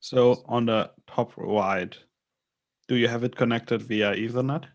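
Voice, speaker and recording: Gravelly man walking through tech steps. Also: medium pitch, steady tone, a little slow. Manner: patient step-by-step instructions. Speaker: workshop helper guiding setup. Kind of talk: casual technical help on a video call. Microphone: video call.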